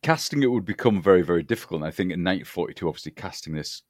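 A man's voice: low-pitched, lively intonation, very fast, no echo, studio quality. A man hosting a podcast, chatting casually about a film, with frequent fillers and agreeing noises. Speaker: podcast host.

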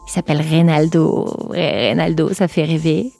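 A woman, recounting a personal memory in a chatty, halting way with many fillers and restarts. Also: sits low, vocal fry, dark tone, soft background music. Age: 40s. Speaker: guest telling her story. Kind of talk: personal testimony storytelling.

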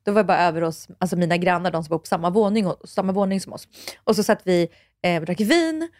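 A woman in her thirties hosting a casual podcast chat, a lively storyteller who acts out her friends' lines. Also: on the low side, dry recording, studio quality. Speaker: podcast host.

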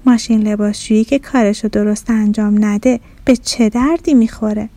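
A woman voicing a kind, patient mother who speaks gently to her son. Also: mid-range voice, steady tone, no room sound, natural voice. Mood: gentle. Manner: gentle, soothing.

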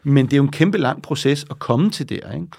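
A man's voice: mid-range voice, animated, vocal fry, darkish tone, dry recording, studio quality. A man talking casually as an interview guest, rambling and often checking in with little tag questions and restarts.

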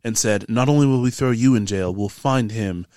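A man voicing a serious male tavern keeper who warns the party in a low, hushed, measured voice. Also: no room sound, clean studio sound, close to an everyday voice. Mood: grave warning.

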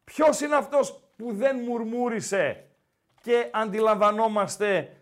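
A man with a Greek accent hosting a casual sports talk podcast, who teases his co-host and keeps repeating his name. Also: sits high. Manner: teasing, animated, repeats the co-host's name.

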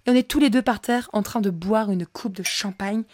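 A young woman hosting a podcast, telling a personal story in a casual, slangy way and acting out the dialogue in quick bursts. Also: medium pitch, a little mellow, a little hiss or hum. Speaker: podcast host.

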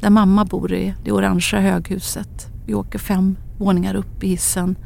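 A woman in her forties narrating a personal story in a quiet, halting, grave way. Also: medium pitch, flat delivery, vocal fry, slight background noise.

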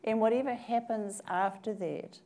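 A woman from New Zealand speaking on a panel, thoughtful and measured, pausing often to gather her words. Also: mid-range voice, steady tone, warm tone. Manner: thoughtful, measured, with frequent pauses and fillers. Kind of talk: panel discussion. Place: conference room at a table.

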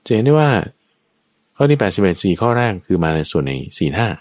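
Deep, lively-voiced male dharma teacher. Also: fast talker, no room sound. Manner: explains point by point with everyday examples. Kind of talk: conversational Buddhist teaching.

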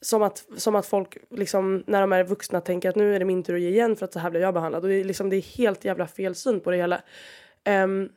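A woman's voice: medium pitch, level tone, warm tone. A young woman in her twenties from Sweden hosting a casual solo podcast, frank and exasperated, swearing often and restarting her sentences. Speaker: podcast host.

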